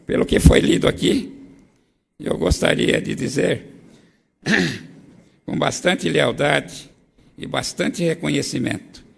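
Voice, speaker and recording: An older man, a city councilman, giving a formal ceremonial speech in a council chamber, hoarse and halting, stumbling over his words. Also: medium pitch.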